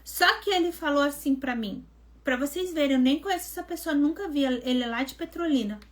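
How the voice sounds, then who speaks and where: High-voiced woman telling a testimony. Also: a little fast. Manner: animated storytelling, acting out quoted dialogue; conversational, addresses listeners as gente. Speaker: devotional mentor and host. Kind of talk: testimony in a live online devotional.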